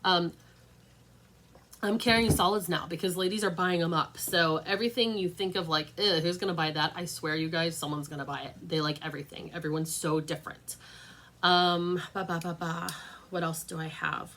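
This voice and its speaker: A woman leading her sales team in a casual livestream pep talk, chatty and upbeat, with lots of fillers and warm encouragement. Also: lowish voice, moderate pace, a little hiss or hum. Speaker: direct-sales team leader. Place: at home.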